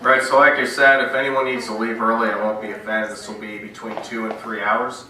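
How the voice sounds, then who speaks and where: A man with a cough gives a relaxed Bible lecture, his bright voice reaching the mic from across a very echoey room. He talks plainly to a small audience and shifts into reading scripture aloud. The recording has faint noise behind it. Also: medium pitch, fairly quick. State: bad cough, rough voice. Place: indoor meeting room. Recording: roomy, from a distance, noisy.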